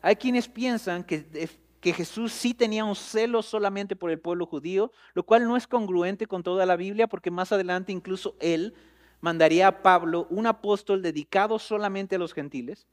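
A man preaching a sermon as pastor, talking straight to his listeners in a conversational way and building up to loud, emphatic peaks. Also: high voice, moderate pace.

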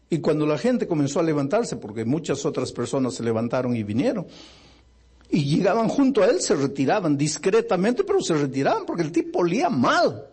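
Male preacher, warm dark tone, animated storytelling sermon delivery. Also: husky. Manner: animated, with pitch leaps for emphasis. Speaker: pastor.

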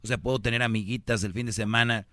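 Man, radio call-in host, blunt, emphatic, opinionated, sharp bright voice, dry close sound. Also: on the low side, fairly even intonation, quick pace, no echo. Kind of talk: call-in advice talk.

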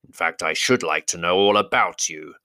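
A man voicing a huge, cruel male goblin king in an audiobook reading, speaking slowly and menacingly, with hissed asides. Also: sits low, bright, forceful tone, no echo. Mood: sneering. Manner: slow, menacing, drawn-out delivery with hissed asides. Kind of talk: audiobook character voice.

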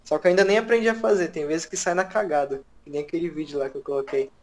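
Young male, fairly high voice, Brazilian Portuguese accent, loose slangy gamer chat. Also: quick pace, a little mellow. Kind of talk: casual gaming chat, slangy.

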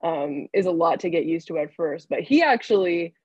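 A woman's voice: fairly low pitch, expressive, moderate pace, a little mellow, husky, dry recording. A young woman, a sports reporter, chatting casually on a podcast with many fillers and restarts. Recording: dull, dry lo-fi sound.

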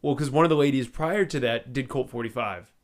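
A man's voice: medium pitch, fairly quick. A man in his thirties co-hosting a casual podcast, joking around and swearing freely. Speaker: podcast co-host.

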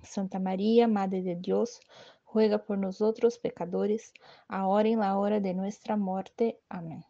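Woman prayer leader, deep mellow timbre, steady devotional recitation, muffled lo-fi recording. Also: creaky. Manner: measured, steady recitation with a human slip.

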